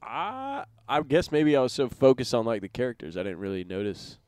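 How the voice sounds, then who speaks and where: A man's voice: medium pitch, sing-song, fairly quick, a little mellow, clear, resonant tone, dry recording. Laid-back man, dry close sound. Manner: laid-back, says "dude" a lot, trails off with fillers. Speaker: podcast co-host. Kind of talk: casual chat.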